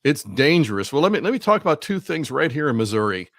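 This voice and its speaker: A man's voice: a little high, big pitch swings, fast, fairly bright tone, no echo. Man talking in over a video call. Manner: heated, emphatic, repeats words. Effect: remote guest on a video call. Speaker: political commentator guest. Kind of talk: talk show commentary. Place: Missouri.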